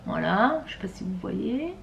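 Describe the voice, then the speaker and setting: A woman's voice: mid-range voice, big pitch swings, moderate pace, creaky, roomy sound, slight background noise. A woman vlogger chatting casually through a beauty box unboxing, hesitant and full of fillers and restarts, with a slightly rattly voice. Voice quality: self-described rattly voice.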